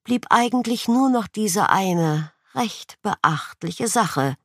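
A woman in her sixties narrating an audiobook in an expressive storytelling manner. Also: mid-range voice, slow, dry recording, clean studio sound. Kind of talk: scripted narration.

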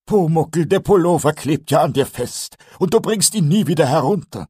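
An exasperated older craftsman as a man plays him, pleading and scolding in a raised, somewhat husky voice. This is a storybook reading, recorded close and dry. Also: a little high, animated, moderate pace, dark tone, no room sound, voice pushed up. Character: patient older master carpenter, exasperated.

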